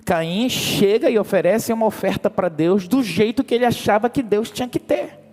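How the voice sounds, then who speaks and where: Brief: male pastor, high and emphatic, working the crowd, long church reverb around him. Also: normal speed, a little mellow. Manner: emphatic, calls on the congregation to respond. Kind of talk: sermon.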